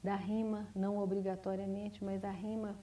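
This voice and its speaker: A woman writer, answering interview questions in a measured, reflective way, often restarting and adding "né?". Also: mid-range voice, flat delivery, warm tone. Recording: distant mic, 1990s TV studio recording.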